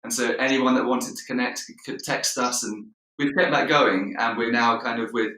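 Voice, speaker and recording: Self-deprecating British band member. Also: male voice, mid-range voice, fairly even intonation, normal speed, sharp tone. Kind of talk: casual interview chat. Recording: echoey room, far from mic.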